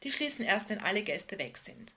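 A woman voicing an exuberant, flirtatious woman in her thirties who talks loudly and eagerly. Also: mid-range voice, big pitch swings, moderate pace. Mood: coaxing. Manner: loud, bubbly, pushy.

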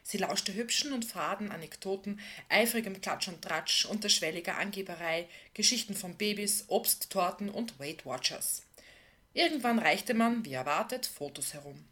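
A woman reading aloud from a novel in a calm, measured way, often trailing off softly at the end of phrases. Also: mid-range voice. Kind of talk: literary reading.

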